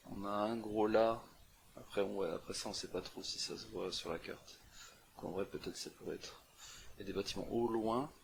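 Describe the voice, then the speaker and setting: Young male presenter, low and gravelly, casual think-aloud walkthrough with frequent fillers, faint hiss behind. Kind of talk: casual screen-recorded walkthrough.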